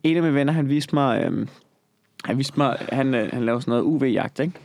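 A man's voice: mid-range voice, darkish tone. A man co-hosting a casual podcast, joking around, laughing often and swearing casually. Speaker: podcast co-host.

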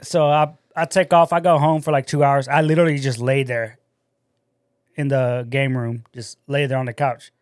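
A man's voice: medium pitch, normal speed, no echo, clean studio sound. Rambling, cussing man telling work stories. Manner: rambling, profane, animated storytelling. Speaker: podcast co-host and store manager. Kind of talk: casual podcast storytelling.

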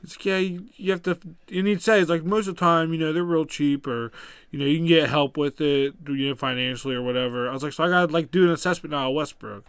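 A man's voice: a little high, fairly even intonation, fast, a bit bright, smooth, dry recording. A young man casually telling a rambling story, laughing often and acting out what people said. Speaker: podcast co-host telling a story. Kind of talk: casual chat.

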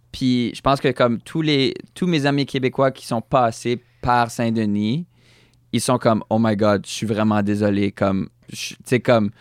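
Hesitant Fransaskois man, smooth voice. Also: medium pitch, no room sound, clean studio sound. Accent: Fransaskois French. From Saskatchewan, Canada. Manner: hesitant, restarts words, mixes in English phrases. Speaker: guest musician. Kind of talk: casual podcast conversation.

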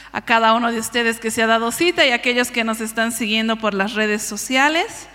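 A woman's voice: a little high, pushed and bright. A woman giving a sermon in a church, exhorting the congregation in a devout manner. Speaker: preacher's wife leading a sermon. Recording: church hall reverb.

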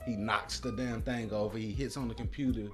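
A man's voice: lowish voice, fairly even intonation, a little fast. A man co-hosting a casual podcast, telling a story with profanity, acting out quotes in voices and saying "bro" a lot. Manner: says "bro" often. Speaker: podcast co-host. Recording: music playing loud behind the talk.

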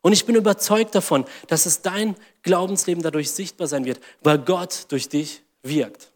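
A man's voice: on the high side, normal speed, big-room sound. A man preaching a sermon, reading scripture aloud and acting out mocking inner voices.

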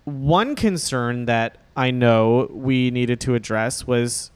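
A man's voice: mid-range voice, slow, clear, resonant tone, no room sound. Playful man on a dry mic. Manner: playful, teasing. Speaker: wedding planner host. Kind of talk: casual chat.

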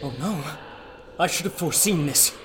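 A man's voice: a little high, moderate pace, noisy background, natural voice. A man playing an earnest scholar hero. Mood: worried. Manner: earnest, reasoning. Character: learned male scholar, thoughtful, calm under pressure. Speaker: scholar doctor. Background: music.

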